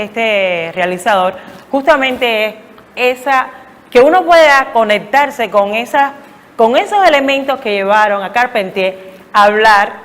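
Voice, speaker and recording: A woman giving a reflective academic talk, explaining deliberately and emphatically with searching pauses. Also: a little high, fairly bright tone. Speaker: academic lecturer. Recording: long echoing hall reverb.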